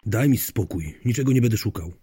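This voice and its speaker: A man's voice: lowish voice, lively intonation, fairly quick, warm tone, no room sound, studio quality. A man voicing a surly, dismissive older husband in an audiobook story. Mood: gruff. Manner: gruff, dismissive.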